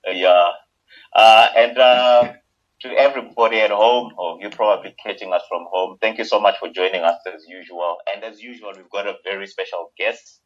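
A man hosting a podcast conversationally, with a husky, rough-edged voice. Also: fairly low pitch, fairly even intonation, moderate pace. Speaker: podcast host. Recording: dull lo-fi remote call audio.

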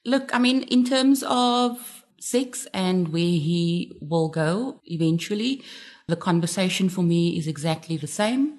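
Woman, lowish pitch, candid conversational interview guest. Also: lively intonation, unhurried, darkish tone.

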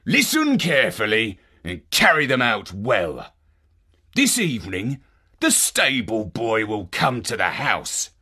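A man reading a storybook aloud and voicing a cruel giant master, slow and commanding. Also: lowish voice, wildly swooping pitch, bright, forceful tone, slightly rough, heavily acted. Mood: menacing. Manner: slow, drawn-out, bossy.

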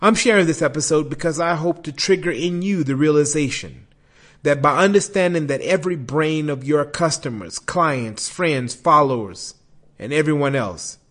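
A man hosting a podcast, delivering a scripted introduction and interview questions with emphatic, dramatic pauses. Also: fairly high pitch. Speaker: podcast host.

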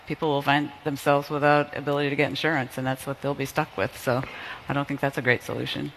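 A woman's voice: rumbling low, level tone, fast, a bit bright, big-room sound, slight background noise, low-quality recording. A woman from the United States answering as a conference panelist, frank and wry. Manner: frank, wry, laughs at her own points.

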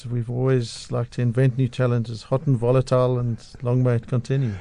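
A man from South Africa, a media analyst, gives a radio interview through a studio microphone. His delivery is flat and brisk and his medium-pitched voice has a dark tone, yet he comes across as outspoken and passionate, repeatedly restarting his sentences.

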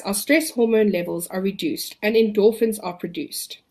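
A woman reading a scripted informational podcast on wellbeing in a measured, instructional way, as a presenter guiding listeners. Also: medium pitch, a little mellow, breathy edge. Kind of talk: scripted informational narration with guided relaxation.

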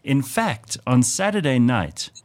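A South African man with a mid-range voice hosts a radio talk show, speaking slowly in a casual, chatty way. He tells stories with lively animation, mimicking the voices of the people he quotes.

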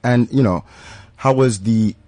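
A man's voice: medium pitch, unhurried, dark tone, no room sound. A man hosting a casual interview, easygoing and encouraging, often chiming in with agreement. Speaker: host.

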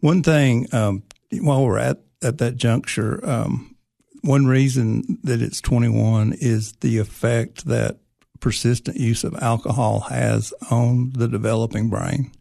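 A man from Tennessee, a guest on a podcast, explaining things in a measured way. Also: mid-range voice, fairly even intonation, gravelly, warm tone, no echo, studio quality. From Tennessee, United States. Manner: measured, explanatory, with frequent fillers and restarts. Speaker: guest, prevention coalition leader. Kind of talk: conversational interview.

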